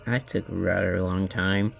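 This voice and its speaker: A man reacting to a video with sarcastic, bickering, deadpan asides. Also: low voice, normal speed, creaky, soft background music. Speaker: video reactor voicing a cast of characters.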